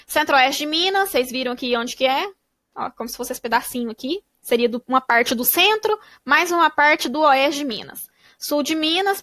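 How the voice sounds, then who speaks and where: A woman teacher with a high, bright voice, sounding out syllables slowly and patiently for children. The recording is dry and close, with no room around her. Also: dry recording. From Brazil. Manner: slow, syllable-by-syllable reading. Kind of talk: spelling out syllables for young pupils.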